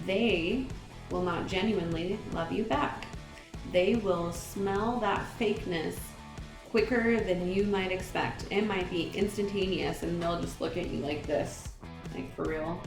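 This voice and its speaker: A woman who teaches high school English gives other teachers earnest, direct advice on classroom management. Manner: earnest, direct, addresses the listener as a fellow teacher. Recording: echoey room with music playing underneath.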